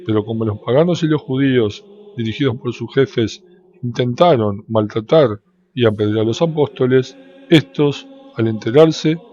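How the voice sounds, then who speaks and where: A man giving a measured, solemn scripture reading that lifts into a sung lilt at the ends of phrases. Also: medium pitch, darkish tone. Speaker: Bible reader. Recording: dull, lo-fi with faint background noise.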